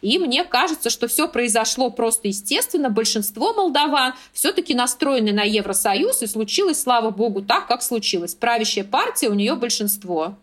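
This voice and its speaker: Woman political commentator, high bright register, steady explanatory delivery. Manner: measured, opinionated, explanatory. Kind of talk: analytical political talk.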